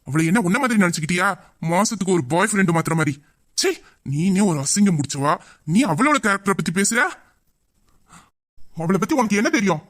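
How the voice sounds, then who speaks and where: Hot-tempered but tender young college man, played by a man, high-pitched. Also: animated, fairly quick, long pauses. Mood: angry. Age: young adult. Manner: fierce scolding, then soft and low.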